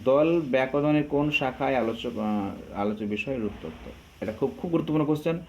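A man teaching an exam-prep grammar lesson, drawing out example words and pausing to hesitate often. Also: medium pitch, highs cut off, a little hiss or hum. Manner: slow, drawn out over example words, frequent hesitations.

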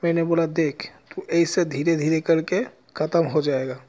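A man telling a personal story with a moral in a slow, halting way, with many pauses. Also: on the high side, fairly even intonation, a little mellow. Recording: dull lo-fi recording.

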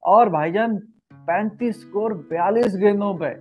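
A man's voice: high voice, measured pace, muffled recording, faint music behind. A man hosting a cricket show, giving score updates in an upbeat way. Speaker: show host.

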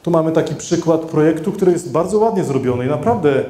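Speaking fast and animatedly, this middle-aged conference speaker has a fairly high, warm voice. He holds a handheld microphone and addresses the seated audience of a conference hall, though his presentation stumbles with many fillers and restarts. Roomy echo from the hall fills the recording.

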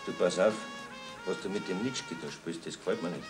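Deep quick voice, stern wary crook acted by a man, old crime show. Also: over music, natural voice. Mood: stern warning. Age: middle-aged. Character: stern, wary middle-aged accomplice in a murder cover-up. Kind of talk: 1960s German TV crime acting.

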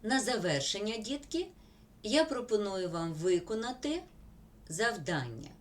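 A woman teacher, slowly dictating word examples in a school grammar lesson. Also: medium pitch, very animated.

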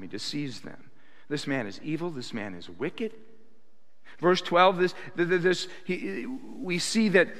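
A pastor in his sixties preaches a sermon from the pulpit into a stand mic, animated and breaking into loud acted quotes. His voice is fairly high. The church sanctuary makes the recording reverberant.

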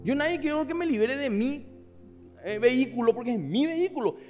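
A man preaching a passionate sermon, shifting between loud cries and hushed asides and acting out the people in his story. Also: very high voice, lively intonation, brisk, faint music behind. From Paraguay. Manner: acts out voices of the people in the story. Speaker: pastor.

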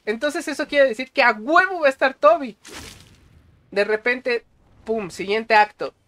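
A man with a Mexican accent reviewing a movie on a casual stream, excitable and full of slang and swearing. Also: very high-pitched, a little slow.

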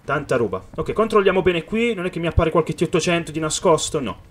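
A man giving excited let's-play commentary on a video game, reading the game's dialogue aloud and talking straight to his viewers. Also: on the high side, fast. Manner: excited, calls viewers "raga" often. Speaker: gaming youtuber.

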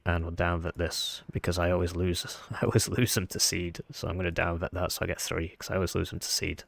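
Man, froggy croak, sick-sounding, flat intonation, gravelly, casual gaming commentary. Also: low voice, brisk. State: under the weather, sick voice. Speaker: gaming video host.

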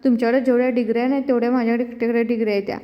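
Woman voicing a young male joker, teasing, drawn-out, serial recap, echoey. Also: fairly high pitch, level tone, lo-fi sound, natural voice.

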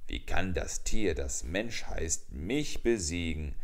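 A man's voice: deep voice, animated, slow, exaggerated voice. A man doing a vain, menacing jackal. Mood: scornful. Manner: threatening, scornful.

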